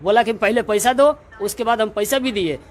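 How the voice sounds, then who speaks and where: A man being interviewed as a tenant, pleading anxiously and halting, repeating phrases with respectful "ji". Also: sits high.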